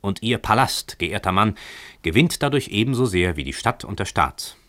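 Man reading a calm, wry tenant. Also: fairly low pitch, normal speed. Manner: calm, wry, overly reasonable. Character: poor male tenant, calm and mock-earnest. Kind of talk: radio story reading.

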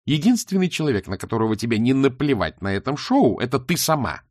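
A man voicing a bitter, scheming young woman singer who snaps, shouts and mocks in a storybook reading. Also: mid-range voice, sing-song, fast talker, dry recording, studio quality. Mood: mocking. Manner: snapping, shouting, mocking.

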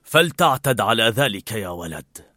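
A man voicing a grumpy, gruff old man in a storybook reading, speaking curt and grudging. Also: lowish voice, sing-song, moderate pace, pushed and bright, no room sound, clean studio sound.

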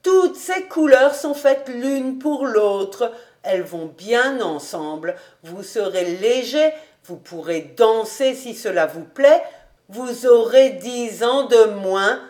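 An eager, chattering old housekeeper in a storybook reading, put on by a woman narrator. She coaxes and fusses in a raised, lively voice, with an unhurried pace. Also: fairly high pitch. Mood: coaxing. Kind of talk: audiobook character reading.

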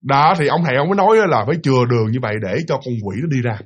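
Quick, husky Southern Vietnamese storyteller. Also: male voice, medium pitch, muffled recording. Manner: animated, repeats words for effect, addresses listeners directly. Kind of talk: spooky storytelling to an audience.

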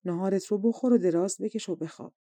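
A woman's voice: mid-range voice, warm tone, dry recording, lightly acted. A woman reading aloud the part of a young wife who soothes and reassures her husband. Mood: soothing.

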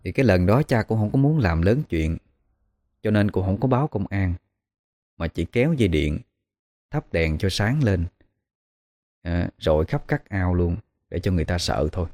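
Deep-voiced Southern Vietnamese storyteller. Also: male voice, lively intonation, a little mellow, no room sound, studio quality. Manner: slow, measured, hesitant with fillers. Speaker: ghost story host. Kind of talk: storytelling narration.

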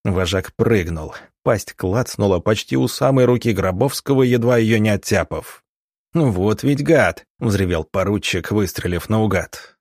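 A man narrating an audiobook with steady, dramatic storytelling. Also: on the low side, normal speed, no room sound, clean studio sound. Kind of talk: scripted narration.

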